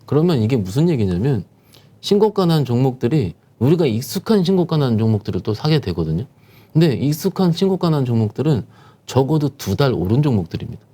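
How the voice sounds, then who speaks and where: Animated, emphatic man explaining the market. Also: medium pitch, fast talker. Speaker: securities firm manager, market commentator guest. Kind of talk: explaining stock market conditions.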